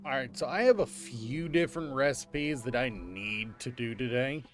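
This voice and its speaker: A man's voice: mid-range voice, normal speed, music in the background. A man chatting casually on a gaming stream, thinking aloud and repeating his phrases.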